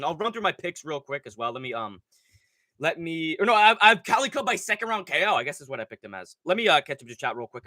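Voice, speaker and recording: A young man with a voice on the high side, recorded with no room sound, hosts a casual livestream. Nasal with a cold, he rambles excitedly through fight picks, swearing freely.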